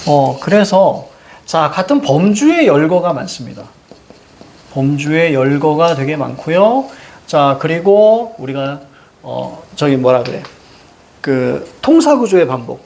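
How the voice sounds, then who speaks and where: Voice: medium pitch, sing-song, slow pace, vocal fry, a little mellow, a little hiss or hum. A literature teacher giving a classroom lecture, reciting poem lines in a sing-song lilt and checking in with students through short questions and casual asides.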